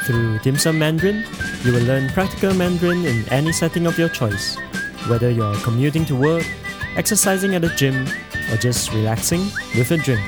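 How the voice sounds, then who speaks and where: A man teaching a podcast language lesson, speaking clearly and slowing down to repeat words for learners. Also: on the high side, expressive, over loud music. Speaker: Mandarin teacher.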